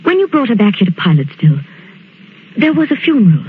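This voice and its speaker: Casting: anxious, kindly genteel lady, 1940s suspense radio, high-pitched, soothing delivery, thin phone-like sound. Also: sing-song, brisk, a little hiss or hum. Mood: pitying. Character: gentle anxious genteel lady friend, Miss Amanda, narrating her diary. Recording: tinny band-limited old radio, organ music behind.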